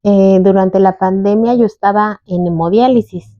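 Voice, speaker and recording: A woman's voice: medium pitch, moderate pace, dry recording, highs cut off. A young adult woman, telling her own story in an interview and acting out the voices of people she quotes. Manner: animated, acts out quoted voices. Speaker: guest sharing her testimony. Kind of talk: conversational testimony.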